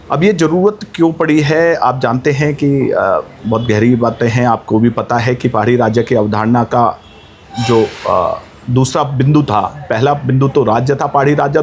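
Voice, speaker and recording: A man's voice: mid-range voice, a little hiss or hum. A man speaking as an activist guest, making a rousing, rhetorical appeal that climbs to emphatic peaks. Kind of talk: impassioned interview speech.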